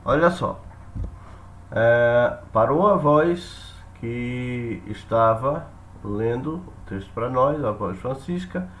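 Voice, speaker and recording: A man with a Brazilian accent explaining software step by step, haltingly, repeating phrases and checking in with listeners. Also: mid-range voice, expressive, muffled recording, a little hiss or hum. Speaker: instructor demonstrating software. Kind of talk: spoken tutorial, explaining step by step.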